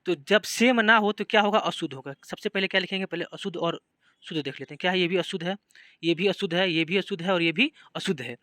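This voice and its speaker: A man's voice: high-pitched, fast, bright, forceful tone, no room sound, clean studio sound. A man with a Bihari Hindi accent teaching a biology class, explaining in simple terms and putting repeated questions to his students. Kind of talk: classroom lecture.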